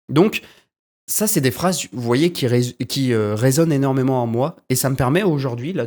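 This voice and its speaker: A man's voice: mid-range voice, darkish tone. A young man hosting his own podcast in a casual, rambling monologue at home, restarting and correcting himself often. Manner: rambling, self-correcting, frequent hesitations. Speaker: podcast host. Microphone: desk podcast mic.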